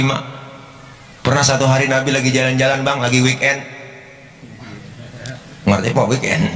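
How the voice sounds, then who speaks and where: A man giving a comic sermon in a lively, joking, slangy way, often slipping into a sing-song delivery. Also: mid-range voice. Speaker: preacher. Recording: echoey hall, faint music.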